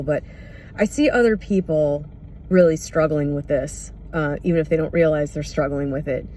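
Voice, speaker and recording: A person thinking out loud in a casual, reflective monologue, candid and often pausing to search for words. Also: mid-range voice, slight background noise. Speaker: podcast or vlog host.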